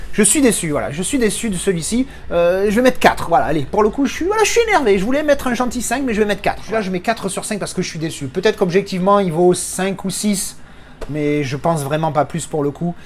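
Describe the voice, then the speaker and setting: A man's voice: high voice, a little hiss or hum. A man speaking French as his first language gives a casual spoken film review, ranting and swearing with frequent restarts.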